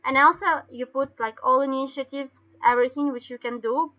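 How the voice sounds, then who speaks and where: Russian woman doing online training, kinda high voice, halting english w missing articles, muffled lo-fi call sound. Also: fairly even intonation, bright, forceful tone. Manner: halting non-native English with dropped articles. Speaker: webinar presenter. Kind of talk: informal online training talk, explaining step by step. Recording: dull lo-fi webinar call audio.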